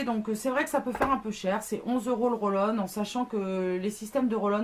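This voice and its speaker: A woman's voice: medium pitch, a little hiss or hum. Chatty woman reviewing beauty products. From France. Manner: chatty, self-deprecating, many fillers. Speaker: beauty blogger.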